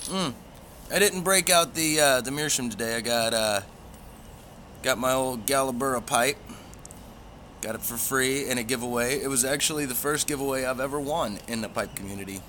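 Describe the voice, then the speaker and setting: Guy doing a laid back rambly livestream chat, folksy, brightish voice, bit of noise behind him. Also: medium pitch, moderate pace. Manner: rambling, easygoing, folksy phrasing. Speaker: pipe hobby vlogger.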